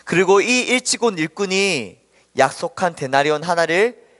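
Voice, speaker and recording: High-voiced man telling a children's sermon. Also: animated, normal speed. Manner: gentle, asks the children questions. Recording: long hall reverb.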